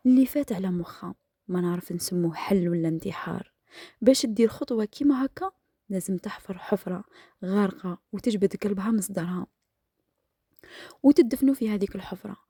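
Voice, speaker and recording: A woman with an Algerian accent telling a dramatic story in a hushed, half-whispered voice while cooking, close to the mic. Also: medium pitch, a little fast, slightly rough, no room sound. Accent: Algerian Arabic.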